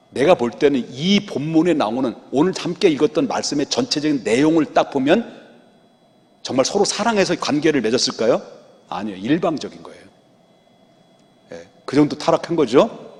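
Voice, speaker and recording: Emphatic Korean pastor preaching in a hall. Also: male voice, fairly high pitch, a little mellow. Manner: asks the congregation rhetorical questions, emphatic. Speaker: senior pastor. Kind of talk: expository sermon. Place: church sanctuary. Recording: reverberant church hall.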